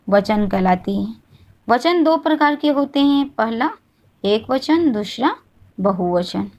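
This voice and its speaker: Female teacher, slightly high voice, patient step-by-step grammar explanation, rhetorical questions, frequent check-ins. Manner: explains step by step, asks and answers her own questions; often says "thik hai" to check understanding. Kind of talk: Hindi grammar lesson.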